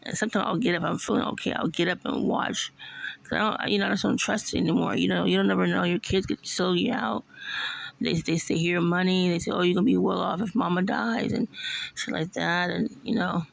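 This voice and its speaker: A middle-aged woman talking in a casual, rambling vlog monologue, swearing now and then and filling pauses with "you know.". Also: fairly low pitch, steady tone, vocal fry, no room sound, poor audio. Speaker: vlogger.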